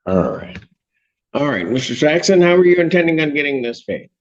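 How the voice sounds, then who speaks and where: Brisk male judge on a lo-fi recording. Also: on the high side, very animated, a little hiss or hum. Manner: brisk, directive. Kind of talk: courtroom hearing.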